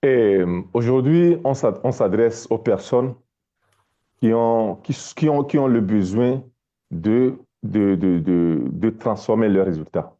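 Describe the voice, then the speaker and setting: A man's voice: on the low side, slow pace, mellow, lo-fi sound. A man from Togo, a life coach, giving a motivational talk on a live stream, often repeating words as he searches for them.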